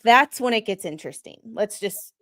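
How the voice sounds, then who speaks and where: A woman's voice: mid-range voice, lively intonation, moderate pace, a bit bright. A woman chatting on a casual livestream, blunt and plain-spoken, laughing between remarks.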